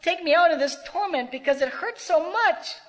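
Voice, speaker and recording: A man's voice: expressive, moderate pace, fairly bright tone, in a large hall, low-quality recording. A man voicing a worm-covered tormented woman who wails desperately for mercy. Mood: desperate wailing. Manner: shrill desperate wailing.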